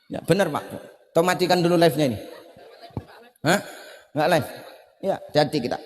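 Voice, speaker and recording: A man giving a comic sermon, joking and shouting punchlines. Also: fairly high pitch. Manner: jokey, shouting punchlines, mixing in Javanese phrases. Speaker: preacher. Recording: hall reverb.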